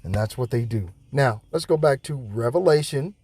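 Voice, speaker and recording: A man's voice: medium pitch, lively intonation, moderate pace, background noise. A man preaching from scripture in a home video, rambling with profane asides. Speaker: self-styled preacher. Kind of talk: home video Bible teaching.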